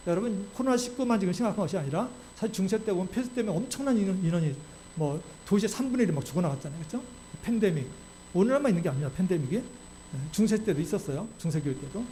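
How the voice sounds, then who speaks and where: High-voiced, fast-preaching male pastor. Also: slight background noise. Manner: animated, with frequent rhetorical questions to the congregation. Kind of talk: sermon. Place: church sanctuary.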